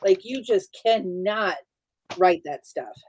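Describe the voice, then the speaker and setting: A woman hosting a casual chat while building, telling a story with animated energy and mimicking voices. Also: mid-range voice, takes it slowly, husky. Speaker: host.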